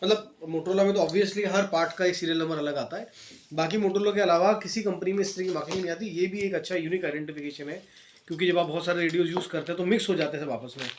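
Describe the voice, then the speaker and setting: Talking fast in a high-pitched voice with fairly even intonation, an Indian-accented man walks friends through a product review step by step, mixing in English phrases casually. Faint noise, clicks, and a dull lo-fi quality mark the recording.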